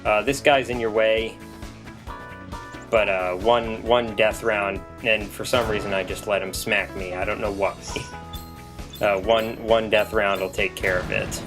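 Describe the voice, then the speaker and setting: A man casually commenting on a video game he is playing, rambling with pauses and restarts. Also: fairly low pitch, fairly even intonation, over music. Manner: rambling, full of ums and restarts. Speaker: let's play commentator.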